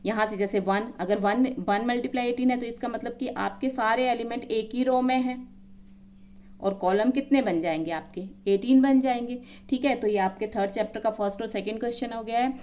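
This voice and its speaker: A woman's voice: on the high side, moderate pace, a little mellow. A woman maths teacher explaining a lesson, counting items aloud one by one and checking in often with her students.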